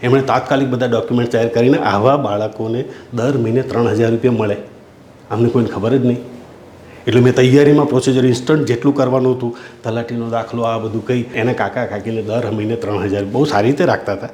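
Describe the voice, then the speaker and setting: This storytelling talk comes from a middle-aged school principal with a Gujarati accent who calls his listeners sir while recounting a heartfelt school story. His medium-pitched voice is steady, fast and a little mellow, recorded in an echoey room with slight background noise.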